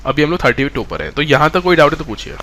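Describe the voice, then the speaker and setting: A man's voice: a little high, lively intonation, quick pace, bright, forceful tone. A man teaching a live online exam-prep class, mixing English terms into Hindi and often checking that students follow.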